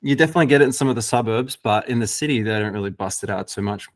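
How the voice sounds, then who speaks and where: A man from Australia with an Australian accent, chatting as a podcast guest in a relaxed, laid-back way. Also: on the low side, racing, dry recording. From Melbourne, Australia. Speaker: guest producer. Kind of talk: casual podcast chat.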